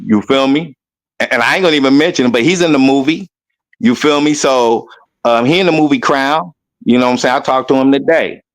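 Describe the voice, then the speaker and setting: A man in casual conversation, telling a rambling story and mimicking other people loudly as he goes. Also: mid-range voice, fairly quick. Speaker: guest.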